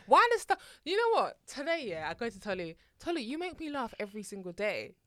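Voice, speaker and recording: A woman, co-hosting a casual podcast chat with her husband, animated and playful. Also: a little high, brisk, dry recording, studio quality. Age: 30s. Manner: animated, playful, laughs often. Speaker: podcast co-host.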